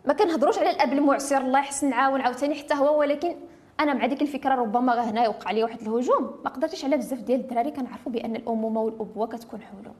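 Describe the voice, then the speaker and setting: A woman's voice: high-pitched, racing, a little mellow. A woman with a Moroccan Arabic accent speaking in an impassioned discussion, emphatic and insistent, often piling up rhetorical questions. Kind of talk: impassioned discussion of family law.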